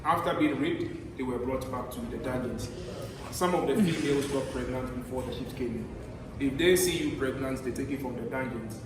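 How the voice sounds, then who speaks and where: A man's voice: mid-range voice, moderate pace. A man working as a tour guide, explaining a historic site as he leads visitors through it. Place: inside stone castle cells and passages. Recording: echoey stone chambers, distant mic, clear background noise.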